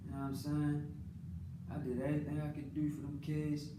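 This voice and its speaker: This earnest American father talks about his own life in a fairly high, monotone voice, going fairly quickly. It's a casual, unscripted monologue in colloquial language, with phrases repeated for emphasis. A distant mic makes it sound roomy, and the background is clearly noisy.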